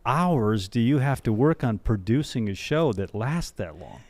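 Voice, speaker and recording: Man hosting with quick affirmations. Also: medium pitch, lively intonation, darkish tone, dry recording. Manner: encouraging, short affirmations. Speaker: host. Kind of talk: casual interview.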